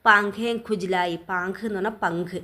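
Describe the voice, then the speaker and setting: A woman teacher from Kerala runs an exam revision lesson in a plain, mid-pitched voice. She reads each line slowly, asks her students what it means, and then answers her own questions step by step. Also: steady tone, bright, forceful tone. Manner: reads Hindi lines slowly, then explains them.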